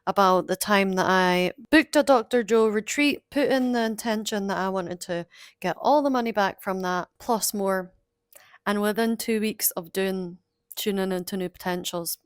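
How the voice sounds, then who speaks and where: A woman's voice: mid-range voice, moderate pace. A woman talking to camera in a casual vlog, bubbly and gushing, often acting out her own past thoughts and joking at herself. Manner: bubbly, gushing, self-mocking. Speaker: vlogger. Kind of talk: casual excited vlog talk.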